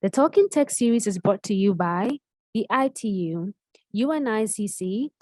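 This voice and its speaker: A woman's voice: medium pitch, darkish tone, dry recording. A woman hosting an interview, reading a formal introduction and then asking questions. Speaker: interviewer and host.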